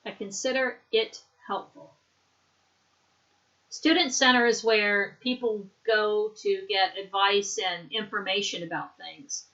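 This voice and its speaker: Woman, English teacher, slow drill pace, bright clear tone, patient explanations. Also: medium pitch, steady tone, highs cut off. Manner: patient, explains words and pronunciation. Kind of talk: slow classroom drill, repeat after me.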